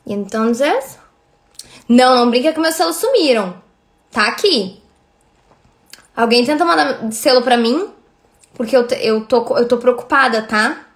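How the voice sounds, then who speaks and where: A woman's voice: a little high, animated, unhurried, long pauses. A woman in her thirties with a Brazilian accent, chatting casually on a livestream and thanking viewers by name. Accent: Brazilian Portuguese. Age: 30s. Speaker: livestream host.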